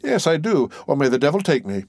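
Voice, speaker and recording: A man's voice: fairly high pitch, sing-song, fairly quick, a little mellow, no echo, studio quality, pitched above the performer's own voice. A man voicing a sly, sentimental old male innkeeper who talks in a wheedling, sententious way, in an audiobook.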